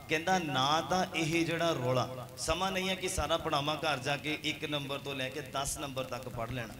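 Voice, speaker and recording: A man, a pastor preaching a sermon who retells scripture as a story, quoting its figures, and rises into loud calls to his congregation. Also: fairly high pitch.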